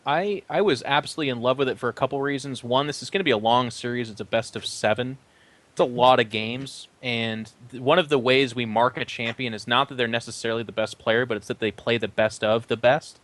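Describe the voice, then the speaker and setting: A man hosting a casual esports discussion, animated and putting questions to his panel. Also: mid-range voice, a little fast. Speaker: show host. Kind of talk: casual esports analysis chat.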